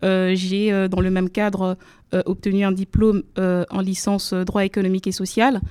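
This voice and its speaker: A young law student from the Democratic Republic of the Congo speaks as a guest on a radio interview, choosing formal words carefully but hesitating often and using many fillers. Her mid-range voice is warm and smooth, delivered flatly at a moderate pace, recorded dry on a studio microphone.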